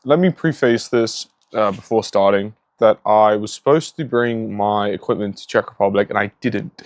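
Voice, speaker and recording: Guy with a low gravelly voice, earnest moralizing vlog talk, dry close sound. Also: normal speed, no echo. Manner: earnest and moralizing, with frequent restarts. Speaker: host of a faith-based monologue vlog. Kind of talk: casual spoken monologue. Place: at home, facing a garden pond. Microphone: phone.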